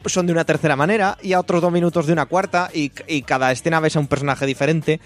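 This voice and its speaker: A man with a Spain Spanish accent, hosting a casual film review chat, blunt and quick to swear. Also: on the high side, soft background music. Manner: blunt, swears freely, rants.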